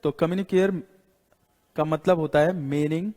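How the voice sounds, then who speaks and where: A male teacher giving a classroom lecture. He explains slowly, repeats his points and keeps asking "got it?", mixing English words into Hindi. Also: a little high, steady tone, darkish tone. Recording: long hall reverb.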